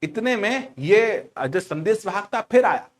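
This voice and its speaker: A man teaching a class, animated and teasing, asking questions and repeating key words back to his students. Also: high-pitched, measured pace. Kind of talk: lively storytelling lecture.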